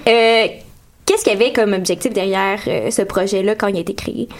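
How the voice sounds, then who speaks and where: A woman hosting a casual radio chat, playful and quick to make sarcastic asides. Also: medium pitch. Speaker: radio show host.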